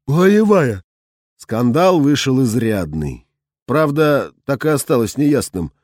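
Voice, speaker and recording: A man reads a first-person audiobook in a medium-pitched voice. His delivery is even and measured, captured with a close, dry microphone sound. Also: no echo. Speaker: audiobook reader.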